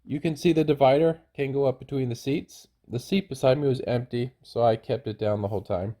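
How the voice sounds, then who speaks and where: Male travel vlogger, very soft dark tone, middle pitch, low-key casual review narration. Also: steady tone, brisk, slight background noise.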